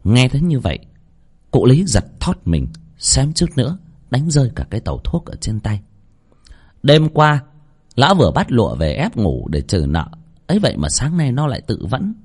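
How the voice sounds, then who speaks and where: Husky man telling a horror story. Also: mid-range voice, normal speed. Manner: expressive, dramatic storytelling.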